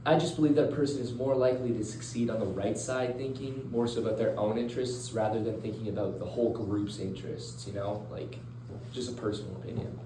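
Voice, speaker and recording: A man's voice: medium pitch, steady tone, quick pace, dark tone, close to an everyday voice. A teenage boy playing a stern, blunt male philosopher in a school role-play interview, reading plainly and earnestly. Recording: roomy, distant mic, faint noise.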